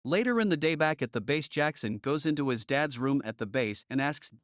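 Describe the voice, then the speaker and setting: A young man narrates a homemade audiobook steadily and plainly. His voice sits fairly high and the recording is dry and close. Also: lively intonation, fairly quick, dry recording.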